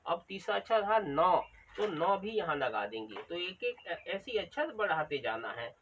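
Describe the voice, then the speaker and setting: A man's voice: sits high, big pitch swings, a bit bright, slight background noise. Patient man teaching from a distance. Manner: slow and patient, repeats each sound aloud. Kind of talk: patient spoken lesson. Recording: distant, dull lo-fi sound.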